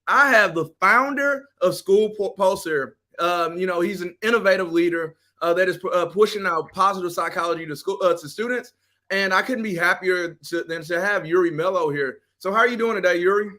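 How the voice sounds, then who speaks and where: A man's voice: sits high, a little fast, sharp tone. A man hosting a podcast, upbeat and casual, with many fillers and restarts. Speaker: podcast host, assistant principal.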